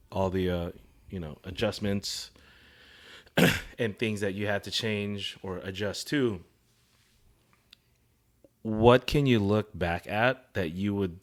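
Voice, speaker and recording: A man in his thirties hosting a podcast, asking questions in casual chat, joking and laughing often. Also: lowish voice. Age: 30s. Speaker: podcast host.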